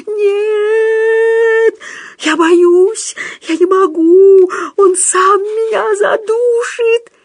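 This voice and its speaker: Woman voicing a shrill, tearful, frightened young man. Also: takes it slowly, dry recording, studio quality. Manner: whimpering, shrill, on the edge of tears. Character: timid frightened young male psychiatric patient.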